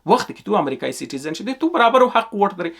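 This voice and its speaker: A man's voice: sits high, big pitch swings, creaky, fairly bright tone. A man speaking Dari with a Hazaragi accent, giving an emphatic, repetitive political commentary on his channel.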